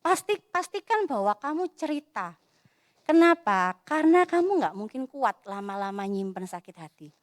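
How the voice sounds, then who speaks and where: A woman's voice: fairly high pitch, normal speed, no room sound, clean studio sound. A woman giving a casual youth sermon in church, acting out quoted voices as she talks. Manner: animated, acts out quoted voices. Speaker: youth preacher.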